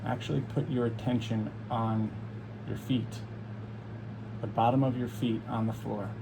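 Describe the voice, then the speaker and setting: With a mid-range voice touched by vocal fry, this man guides a meditation as a teacher, soothing and calm, taking his time and leaving long pauses. Background noise can be heard.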